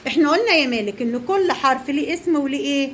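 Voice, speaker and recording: A woman's voice: high voice, lively intonation, racing, a little hiss or hum. A young woman teacher with an Egyptian accent, quizzing and praising small children while explaining to parents. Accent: Egyptian Arabic. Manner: encouraging, quizzing and praising pupils.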